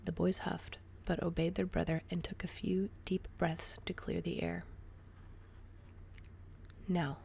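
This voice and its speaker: A woman reading a story aloud in a soft, breathy whisper. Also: fairly low pitch, little pitch movement, normal speed, few pauses, a little hiss or hum. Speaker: story reader.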